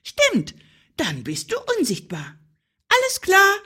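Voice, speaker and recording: A woman's voice: very high-pitched, huge pitch swings, takes it slowly, bright, forceful tone, pitched above the performer's own voice, exaggerated voice. Woman voicing a chirpy little hare. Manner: curious, chirpy questions. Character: small, scruffy, calm young hare. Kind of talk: audiobook character voice.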